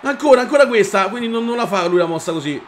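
A young man with a high voice talks his viewers through a wrestling video game. He sounds hyped, curses freely and shouts whenever something big happens on screen. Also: quick pace. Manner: energetic, swears and shouts at the game. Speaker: gaming YouTuber. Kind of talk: excited gameplay commentary.

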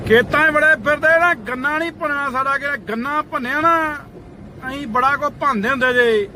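A man, scolding and threatening people away from his sugarcane field in a comic roadside rant, shouting repeated commands. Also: very high-pitched, moderate pace. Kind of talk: comic outdoor rant to camera. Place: outdoors by a road near fields. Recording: noisy outdoor roadside recording.

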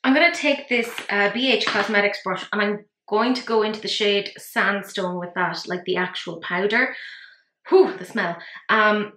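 A woman's voice: mid-range voice, moderate pace, bright, forceful tone, reverberant, poor audio. A woman with an Irish accent doing a casual makeup review, chatty and filler-heavy, who talks herself through setbacks. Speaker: beauty vlogger.

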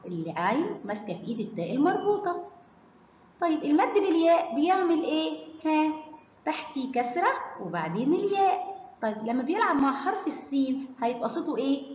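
A woman with an Egyptian Arabic accent teaching children to read, stretching out syllables slowly and quizzing them with questions. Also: high-pitched, big pitch swings, darkish tone, slight background noise. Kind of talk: children's phonics lesson. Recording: echoey hall, slightly dull sound.

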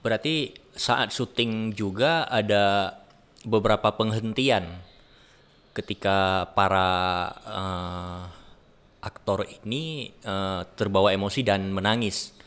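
A man's voice: lowish voice, takes it slowly, fairly bright tone, clear, resonant tone. A man interviewing a film director, asking polite questions with frequent hesitations. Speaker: interviewer, host.

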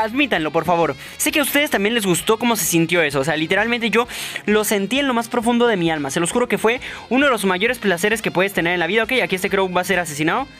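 A young man giving playful, excitable gameplay commentary to his viewers. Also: sits high. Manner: excitable, playful, addresses viewers, shouts at big moments. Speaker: gaming YouTuber.

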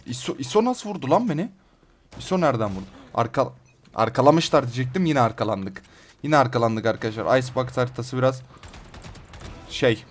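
A man hosting a gaming channel, giving excited live commentary on his own play with rough banter aimed at his viewers. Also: medium pitch, a little hiss or hum.

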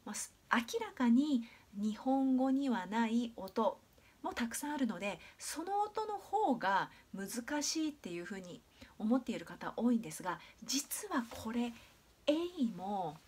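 A Japanese woman teaching English pronunciation in a video lesson, patient and clear, demonstrating sounds slowly with many drawn-out fillers. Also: on the high side, big pitch swings, darkish tone.

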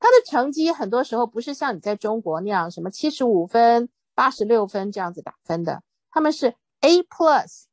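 A woman's voice: fairly high pitch, sing-song, fairly quick, hardly any pauses, no echo. A woman teaching English in Mandarin. She reads short English phrases, then explains each one in Mandarin, often saying OK between points. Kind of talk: Mandarin-language English reading lesson.

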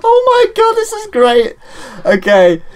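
Upbeat man guiding a game playthrough, lively voice, laughs often. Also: very high voice, takes it slowly. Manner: giggly, encouraging. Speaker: guide on a co-op playthrough. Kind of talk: casual gameplay chat.

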